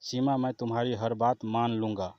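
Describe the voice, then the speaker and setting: A man's voice: medium pitch, fairly even intonation, moderate pace, lightly acted. Desperate grieving young husband, read by a man. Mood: pleading. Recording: dull lo-fi recording with faint guitar.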